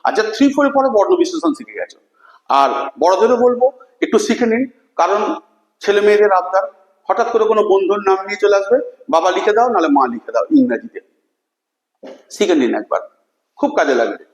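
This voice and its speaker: High-pitched lively male teacher. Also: brisk, long pauses. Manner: questions and answers with students, spells words letter by letter. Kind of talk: classroom lesson. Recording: echoey room with long reverb.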